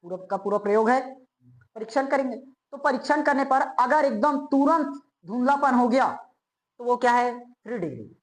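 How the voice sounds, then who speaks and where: A woman with a somewhat high-pitched voice teaches a chemistry lesson. She keeps asking quick questions to check that her students follow, then answers them herself. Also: animated, rough recording. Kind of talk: classroom lecture.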